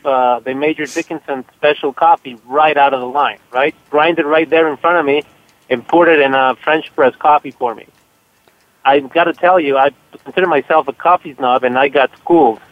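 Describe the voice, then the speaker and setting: A man's voice: on the high side, no room sound. A man calling in to a radio show, eagerly telling a story. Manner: enthusiastic storyteller. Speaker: caller. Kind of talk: casual chat. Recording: tinny phone line.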